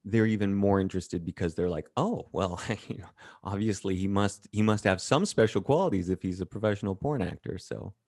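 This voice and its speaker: A man talking as an interview guest, blunt and profane, telling animated stories in a casual chat. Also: deep voice, fairly quick, no echo, studio quality.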